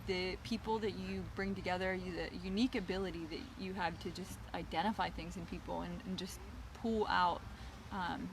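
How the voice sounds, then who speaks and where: A woman's voice: on the low side, steady tone, moderate pace, noisy background. A woman co-hosting a vlog, telling stories in an upbeat, giggly way. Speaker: vlog co-host. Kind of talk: casual recap chat. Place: outdoor campground.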